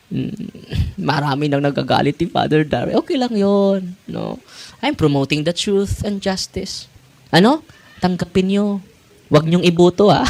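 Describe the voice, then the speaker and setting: Animated priest in his forties. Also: high voice. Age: 40s. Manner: animated, laughing, switching languages. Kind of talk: sermon to parishioners.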